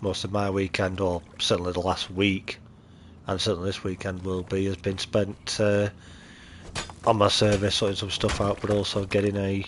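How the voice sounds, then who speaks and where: With a low voice and a completely flat delivery at normal speed, a British man provides live-stream commentary on his gameplay, chatting and greeting viewers. Allergies make him nasal and chesty; slight background noise is audible.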